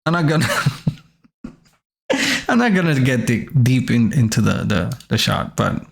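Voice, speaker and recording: A man hosting casual reaction commentary on commercials, halting as he searches for words. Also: medium pitch, very animated, vocal fry. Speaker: host reviewing commercials.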